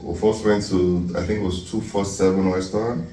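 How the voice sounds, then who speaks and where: A young man, chatting calmly and good-humouredly with his wife. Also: low voice, normal speed, distant mic. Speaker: vlogger's husband. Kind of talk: casual chat. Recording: echoey room, off-mic, faint hum.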